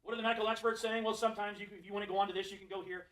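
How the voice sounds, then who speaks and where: Talking very fast in a high-pitched voice, a man from Florida gives a live sales and service training session to technicians. He jokes around and puts questions to people in the room, and the recording quality is low.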